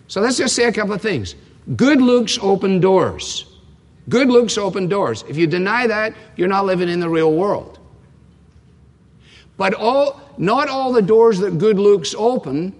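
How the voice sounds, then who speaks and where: A man preaching an expository sermon, emphatic, repeating key lines and asking rhetorical questions. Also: high-pitched. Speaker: pastor. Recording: long reverb from a large hall.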